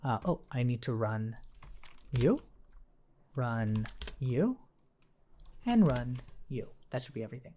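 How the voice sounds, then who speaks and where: There's slight background noise as a man with a mid-range, dark-toned voice explains code while showing it on screen. His delivery is slow and sing-song with long pauses, conversational and thinking aloud, with frequent check-ins to the listener.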